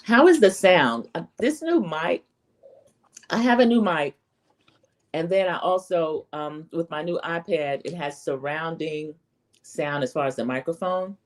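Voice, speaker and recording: The host of a reality TV commentary channel, a woman with a deep, slightly scratchy voice, gives a casual, chatty recap without hurrying. She is opinionated and rambles through stories, acting out quotes along the way.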